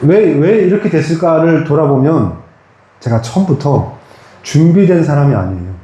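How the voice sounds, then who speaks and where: A man's voice: fairly high pitch, lively intonation, normal speed, mellow. A man preaching a sermon in a small church, talking in a conversational way and putting questions to the congregation. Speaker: pastor. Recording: echoey church room.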